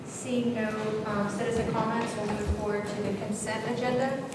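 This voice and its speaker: A woman chairing a school board meeting, running the agenda briskly with joking asides. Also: a little high, flat delivery. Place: large meeting room. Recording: echoey hall from far off, noisy.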